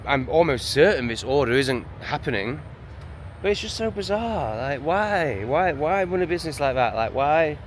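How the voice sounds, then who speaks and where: With a fairly high voice and slight background noise, a vlogger from England vents in a casual, exasperated rant full of swearing, wandering through complaint after complaint. He's at home in a town with the street audible outside.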